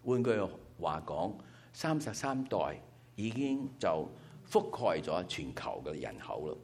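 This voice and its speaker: A male preacher delivering a sermon with a very deep voice. His pitch rises and falls with lively emphasis. He explains his points patiently, one step at a time, as he talks to his church gathering. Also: slow, vocal fry. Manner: explanatory, working through numbers step by step.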